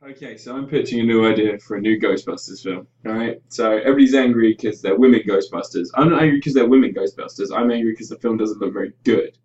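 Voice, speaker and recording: A man's voice: lowish voice, fast talker, few pauses, darkish tone. Male podcast host, opinionated, sweary, casual ranting chat, dull distant webcam-mic sound. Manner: ranting, sweary, mimics others in mock quotes. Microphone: webcam about five feet away.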